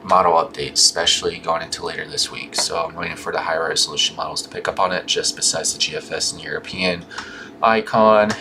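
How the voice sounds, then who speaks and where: A man's voice: deep voice, fairly even intonation, fast talker, over music, low-quality recording. A man giving an informal weather forecast commentary, tripping over words, his speech hampered by a swollen mouth and gums. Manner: stumbles on longer words and restarts them.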